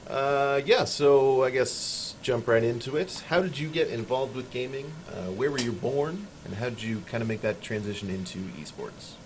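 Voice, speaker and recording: A man hosts a casual online show, joking with his guest, quick to laugh, and asking him questions. His voice is medium-pitched, and the low-quality recording carries clearly audible background noise.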